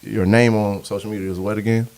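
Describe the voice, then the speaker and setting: A man's voice: fairly low pitch, little pitch movement, fast, a little mellow. A man hosting a casual interview podcast, laid-back and laughing easily as he hypes up his guest. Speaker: podcast host.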